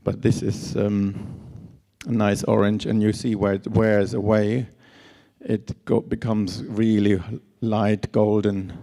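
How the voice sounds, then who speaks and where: A man's voice: fairly low pitch, little pitch movement, slow, vocal fry, dark tone. A man giving a conference lecture, his voice scratchy from long travel, speaking hesitantly with many fillers and restarts. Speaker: lecturer on instrument certification. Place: lecture hall.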